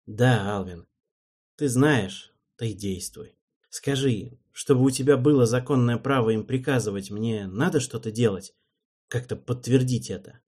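A man reading an audiobook, voicing a young, bewildered king who speaks hesitantly and softly. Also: mid-range voice, unhurried, husky. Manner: hesitant and soft.

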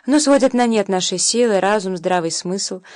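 A woman reading the lines of a tender young mother who calmly teaches her son, in a soft, measured voice. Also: mid-range voice, no room sound, lightly acted. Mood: gentle, reflective.

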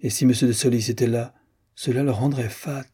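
A man's voice: mid-range voice, fairly even intonation, brisk, dark tone, husky. A man voicing a chatty, teasing young American society woman in an audiobook, playful and lightly mocking. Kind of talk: audiobook character voice.

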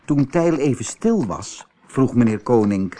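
A man from the Netherlands reading a storybook aloud in an expressive, unhurried way. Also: medium pitch, a little hiss or hum. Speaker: storybook narrator. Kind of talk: scripted storybook narration.

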